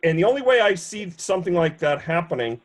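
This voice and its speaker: A man's voice: high-pitched, low-quality recording. Man chairing a town finance meeting. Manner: measured, steady with frequent fillers. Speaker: board chairman. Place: home on a video call. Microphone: computer mic on a video call.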